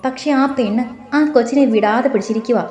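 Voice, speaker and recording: A woman voicing an affectionate middle-aged mother who worries and gently scolds. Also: on the high side, brisk, natural voice. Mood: fond. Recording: roomy with faint music.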